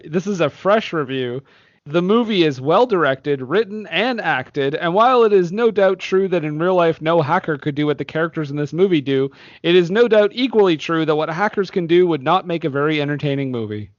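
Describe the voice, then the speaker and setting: A man with a slightly high voice co-hosts a casual movie podcast, reading out reviews and laughing often. The sound is dry and a little dull. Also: animated, normal speed, no room sound. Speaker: podcast co-host.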